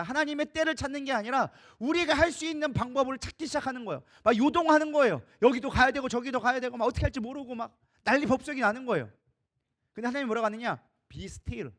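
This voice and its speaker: A middle-aged man preaching with quick, tumbling speech and a voice that sits high and swings widely. He asks the congregation questions and acts out the voices he quotes. The sound is a Sunday sermon in a church sanctuary. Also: fairly bright tone. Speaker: co-senior pastor.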